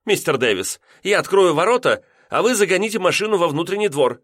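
A man voicing a fussy, proper middle-aged landlady who scolds in a shrill, exclamatory voice. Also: big pitch swings, brisk, a bit bright, no echo, studio quality, exaggerated voice. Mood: scolding.

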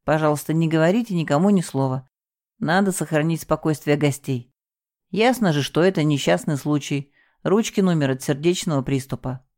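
A woman's voice: low-pitched, a little mellow, natural voice. Woman voicing a bossy scheming hotel manager. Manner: curt, commanding, falsely soothing.

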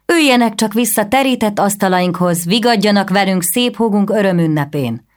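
A woman voicing a brash young male prince in an audiobook, calling out loud proclamations. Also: mid-range voice, lively intonation, voice pushed up, lightly acted. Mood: commanding. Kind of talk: audiobook reading.

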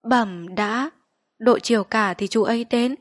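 A woman's voice: fairly high pitch, unhurried. A woman voicing a middle-aged district mandarin, a grieving son who speaks formally and respectfully to his dying mother.

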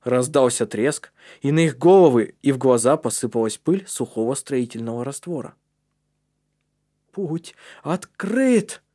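A man reading a storybook aloud as narrator in a steady, measured way. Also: medium pitch. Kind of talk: audiobook narration.

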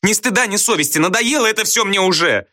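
A man voicing a furious young wife who shouts shrilly at her husband's friend. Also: animated, fast talker, no room sound, clean studio sound. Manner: high shrieking outbursts.

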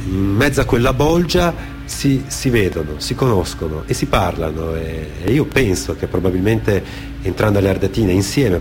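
A low-pitched Genoese man tells dramatic stories on a radio theatre programme where he works as author-performer and storyteller. His reflective delivery, sometimes pausing and repeating phrases, blends off-the-cuff anecdotes with read testimony, all set against background music.

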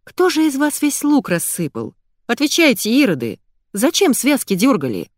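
A woman voicing a bossy, energetic young woman who scolds and gives orders. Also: medium pitch, no echo, studio quality, pitched above the performer's own voice, close to an everyday voice. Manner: brisk, commanding, scolding.

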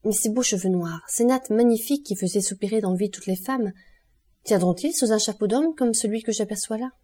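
A woman reading an audiobook and voicing a timid young woman who speaks with gentle, hesitant admiration. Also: medium pitch, fairly quick, slightly rough, natural voice. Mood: admiring.

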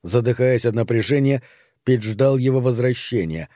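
Male narrator for an audiobook; measured, dark-toned, dry studio read. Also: mid-range voice, no echo. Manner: measured storytelling.

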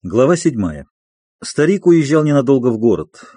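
Guy narrating an audiobook, lively up-and-down delivery, dark husky voice, dry close sound. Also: medium pitch, normal speed, dry recording. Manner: expressive literary reading. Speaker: audiobook reader. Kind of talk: scripted narration.

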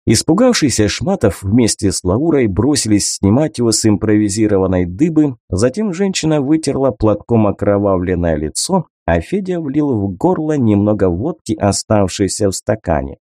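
A man narrating an adventure audiobook with animated delivery. His pitch rises and falls freely over a dark, mellow tone. The recording is dry and close. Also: moderate pace, few pauses, dry recording. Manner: animated, expressive reading. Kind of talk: scripted narration.

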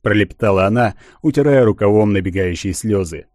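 A man reading a literary audiobook in a measured, even way. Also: lowish voice, no echo, studio quality. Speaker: audiobook narrator.

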